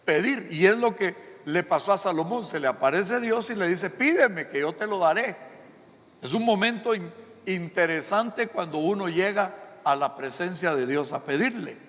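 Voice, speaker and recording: A man's voice: high-pitched, lively intonation, moderate pace, a bit bright. A man preaching a sermon to his congregation, often asking them "¿verdad?" and calling them brother. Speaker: pastor. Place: church sanctuary. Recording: long reverb of a church hall.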